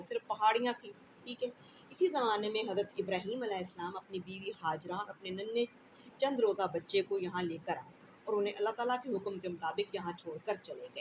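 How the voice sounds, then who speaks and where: A woman teaching a lesson, reading a passage and breaking it down phrase by phrase. Her voice sits at a middle pitch, and she keeps checking that the students follow. A faint noise runs under the recording. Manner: explains line by line, often adds "theek hai". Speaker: school teacher. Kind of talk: classroom lesson reading and explaining a text.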